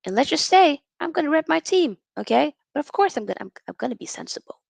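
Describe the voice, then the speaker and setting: Young woman from Norway, livestream host, chatty and animated, slightly high voice with vocal fry. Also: fast talker, dry recording. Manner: animated and chatty, reads out viewer comments. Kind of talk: casual live-stream chat with viewers.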